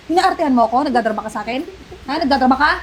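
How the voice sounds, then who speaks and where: Woman acting as a cruel scolding daughter, very high shrill voice, mocking, melodrama, faint background noise. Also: lively intonation, very fast. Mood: contemptuous. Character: cruel young woman berating her old mother.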